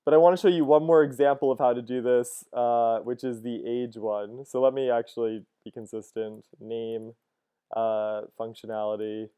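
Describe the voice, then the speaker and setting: A man's voice: medium pitch, flat delivery, moderate pace, dark tone, clear, resonant tone. A man in his thirties teaching a coding lesson over a screen recording, casual and thinking aloud, with fillers and "cool, cool". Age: 30s.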